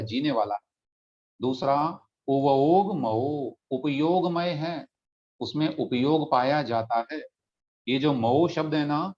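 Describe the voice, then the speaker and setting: A scripture teacher leads an online class on a religious text, patiently explaining pronunciation and chanting verses slowly. He has a medium-pitched voice, and the recording is dull and lo-fi.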